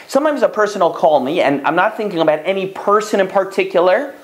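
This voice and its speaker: A man's voice: high voice, fast talker. A man in his thirties, a rabbi and matchmaker, giving casual advice straight to the camera and acting out callers' lines. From United States. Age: 30s. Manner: animated, conversational, acts out callers' lines. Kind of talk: direct-to-camera advice talk.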